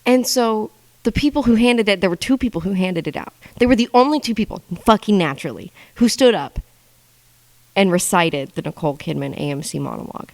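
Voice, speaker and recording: A woman in her twenties telling stories as a podcast guest, profane and rambling, with a deadpan delivery broken by bursts of laughter. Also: mid-range voice, a little fast. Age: 20s. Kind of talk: casual storytelling monologue.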